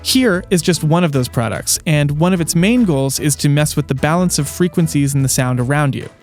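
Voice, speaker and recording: Dry, close-miked man with a higher voice. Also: expressive, a little fast, darkish tone. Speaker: host and reviewer. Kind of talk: scripted narration for a tech video. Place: small soundproofed closet. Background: music.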